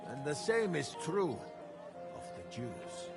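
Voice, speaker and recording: A man's voice: on the high side, sing-song, slow pace, over loud music, exaggerated voice. An actor playing a harsh lord loyal to his king in a video game drama, blunt and contemptuous. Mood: cold, assured.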